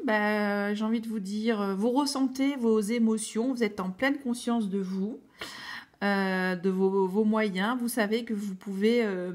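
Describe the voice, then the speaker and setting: A woman's voice: fairly high pitch, darkish tone. A woman giving a casual, enthusiastic tarot reading, hesitating often with fillers and restarts. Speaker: tarot reader.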